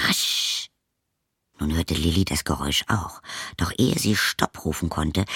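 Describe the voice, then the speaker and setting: A man reading a children's storybook aloud in a calm, unhurried manner. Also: low-pitched, slightly rough, no room sound, studio quality. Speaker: narrator. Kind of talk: storybook audiobook narration.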